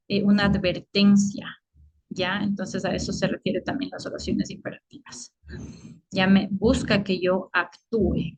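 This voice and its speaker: A woman's voice: mid-range voice, low-quality recording. A woman teaching a class over a video call, explaining at length with many fillers and frequent checking questions. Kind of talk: online lecture.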